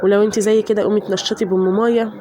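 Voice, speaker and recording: A woman's voice: mid-range voice, level tone, racing, dark tone. An Egyptian woman, a mother vlogger with a voice changed by a cold, chatting and joking with viewers about her kids' laundry. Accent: Egyptian Arabic. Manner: chatty, swears oaths, laughs often. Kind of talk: casual voice-over chat.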